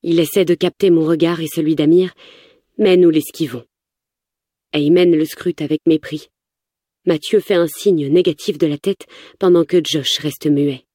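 Woman narrator, tense audiobook reading, low pitch, dark mellow tone. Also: steady tone, unhurried, dry recording, clean studio sound. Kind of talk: audiobook narration, first person.

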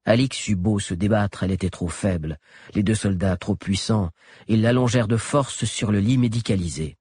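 A man narrating an audiobook with an expressive, dramatic delivery. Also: on the low side, normal speed, husky, no room sound, clean studio sound.

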